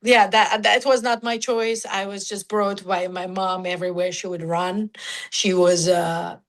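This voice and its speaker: A young woman from Georgia, raised in Russia, with a Russian accent and a low alto voice with natural rasp, speaking haltingly in an interview with many fillers. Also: little pitch movement. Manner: halting, many fillers, non-native grammar. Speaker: musician guest. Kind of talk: casual interview talk.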